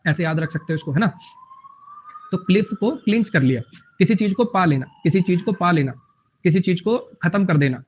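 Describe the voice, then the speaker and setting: A man's voice: high-pitched, a little fast, a little hiss or hum. A young man teaching a vocabulary lesson, repeating phrases and making up jokey memory tricks. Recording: dull lo-fi audio.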